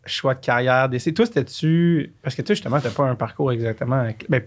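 A man's voice: medium pitch, a little fast. A man with a Quebec French accent, hosting a podcast and interviewing his guest in casual chat. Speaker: podcast host.

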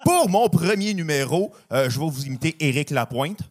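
A man doing stand-up on stage, delivering a rapid string of deadpan bits. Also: on the high side. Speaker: stand-up comedian. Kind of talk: stand-up one-liners. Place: comedy club stage.

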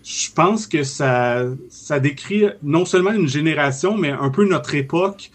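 A man in his forties with a Quebec French accent, his voice pitched slightly above average. He discusses a film in a relaxed, casual way. He hesitates often and leans on fillers as he thinks. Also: a little slow, breathy edge. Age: 40s.

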